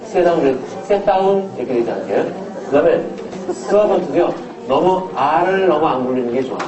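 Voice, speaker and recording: A man's voice: fairly high pitch, lively intonation, normal speed, noisy background. A man conducting a choir rehearsal, explaining casually and counting the singers in. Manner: explains casually, counts in and sings demonstration phrases. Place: rehearsal room. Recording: echoey room from far off, dull sound.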